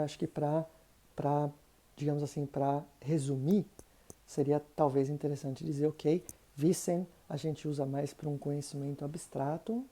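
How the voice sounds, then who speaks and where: A woman explains German grammar in a patient, thinking-aloud way. Her voice sits low, with a very dark, mellow tone. She keeps checking that her listener follows. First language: Portuguese. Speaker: German teacher. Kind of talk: explanatory online lesson.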